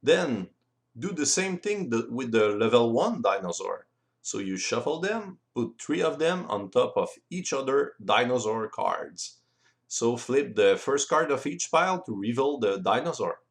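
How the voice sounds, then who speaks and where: In this instructional voice-over, a Frenchman, a native speaker with a French accent, walks through board game rules in careful, deliberate English that isn't his first language. His medium-pitched voice is creaky and swings widely in pitch.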